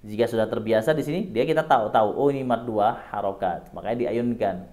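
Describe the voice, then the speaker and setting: A man's voice: lowish voice, fairly quick, a little mellow. A man teaching Quran recitation, patiently explaining how to pronounce each sound step by step. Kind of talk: tajwid lesson.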